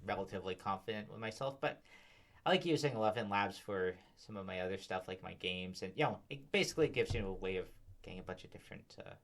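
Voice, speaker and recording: A man's voice: fairly low pitch, quick pace. Sighing man riffing on a video. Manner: sighing, rambling, filler-heavy. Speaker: commentary host. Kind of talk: exasperated casual commentary. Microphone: desk microphone.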